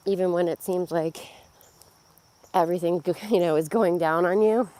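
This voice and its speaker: Strolling outdoors beside a pond, a middle-aged vlogger and yoga teacher chats loosely into her phone, full of fillers. Her voice sits on the low side, a little mellow, yet hoarse and fading. Insects and crickets fill the background.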